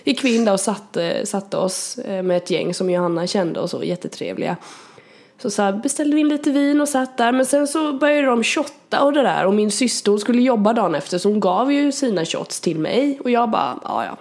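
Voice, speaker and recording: A woman co-hosting a podcast, chatting casually and telling an animated story with frequent laughter. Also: mid-range voice. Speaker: podcast co-host.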